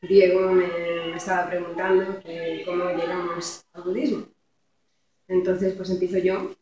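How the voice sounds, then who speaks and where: A woman's voice: on the low side, flat delivery, measured pace, warm tone. A middle-aged woman from Madrid with an accent from Spain, telling her story casually as an interview guest, hesitant and giggly. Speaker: interview guest, Buddhist practitioner. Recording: very echoey, distant, muffled microphone.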